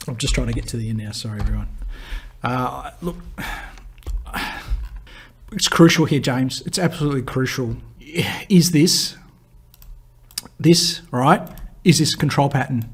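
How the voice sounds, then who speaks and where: Chatty and rambling, this man talks through stock charts live while taking viewer questions, his mid-range voice hoarse and fading. He's a market analyst who fills the gaps with "um"s, keeps restarting sentences, and breaks into quick laughs.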